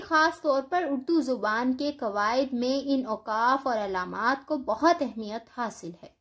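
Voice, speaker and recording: A woman giving a scripted grammar lesson, explaining in a measured, explanatory way. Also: sits high. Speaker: Urdu teacher. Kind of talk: scripted educational lecture.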